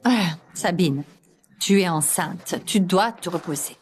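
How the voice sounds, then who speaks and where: A woman's voice: fairly low pitch, slow pace, background noise. A woman playing a doting, bossy, wealthy grandmother in a dubbed drama, fussing and insisting effusively. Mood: concerned, bossy. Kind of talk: dubbed short-drama acting.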